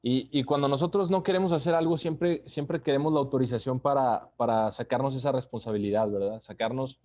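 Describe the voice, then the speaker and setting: A man giving a conversational Bible study sermon, unhurried, often checking in with listeners through tag questions. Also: medium pitch, darkish tone, highs cut off.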